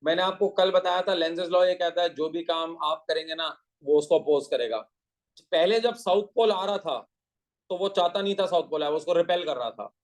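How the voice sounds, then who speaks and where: A man's voice: a little high, a little fast, low-quality recording. A male teacher giving a classroom physics lecture, explaining patiently, asking rhetorical questions and mixing Hindi with English terms.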